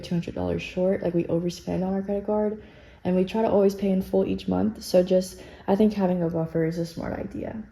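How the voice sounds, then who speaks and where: A woman talks through her cash budgeting in a casual, self-deprecating way, a little short of breath. Her voice sits low and mellow with a gravelly edge. Faint paper rustling carries under her words. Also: rough recording. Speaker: budgeting vlogger. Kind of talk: casual talk while cash stuffing.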